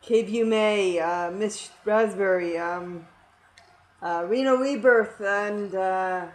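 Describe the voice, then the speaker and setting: A woman in her thirties, hyper and giggly, gushing through a casual shoutout vlog. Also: medium pitch, takes it slowly. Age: 30s. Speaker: YouTube vlogger. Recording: roomy echo with faint noise.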